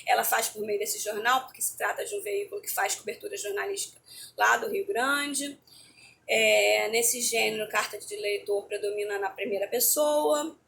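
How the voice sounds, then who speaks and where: A woman's voice: mid-range voice, fairly even intonation, normal speed, vocal fry, a bit bright, slight background noise. A woman teacher giving a remote lesson, explaining a textbook in a chatty way and often checking in with her students.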